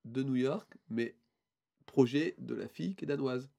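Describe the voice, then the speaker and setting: A man's voice: medium pitch, moderate pace, creaky, mellow. A man co-hosting a casual podcast, presenting a band in a rambling, hesitant way with many fillers and restarts.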